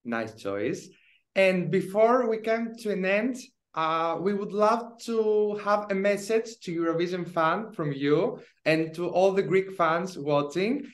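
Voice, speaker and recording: High-pitched young man, upbeat video-call interviewer. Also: expressive, slow pace. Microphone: webcam on video call.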